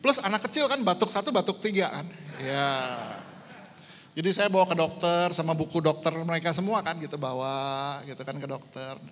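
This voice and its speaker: A man's voice: normal speed, a little hiss or hum. A middle-aged man from Indonesia preaching a sermon as a pastor, telling a story and dropping English phrases into his talk. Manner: storytelling, lively swings in pitch and loudness, mixing in English phrases. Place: church hall. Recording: church hall with long reverb.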